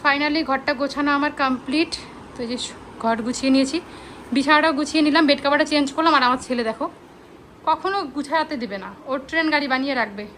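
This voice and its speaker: Young female vlogger, high voice, rapid chatty rambling, home setting. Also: a bit bright, slight background noise, low-quality recording. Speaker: vlogger and mother. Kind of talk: casual home vlog chat. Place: at home, indoors.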